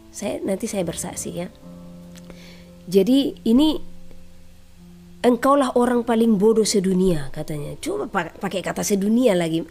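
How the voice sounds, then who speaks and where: A woman preacher giving a sermon with personal testimony, telling her story in an animated way and often adding "ya". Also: medium pitch. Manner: animated storytelling, frequent "ya" tags.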